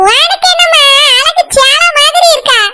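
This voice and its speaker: Woman voicing a shrill, sing-song, boastful mother with a Kanyakumari Tamil accent, cartoon, noisy backing. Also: moderate pace. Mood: doting. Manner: proud, sing-song, teasing. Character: doting middle-aged village mother, boastful. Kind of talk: cartoon voice acting.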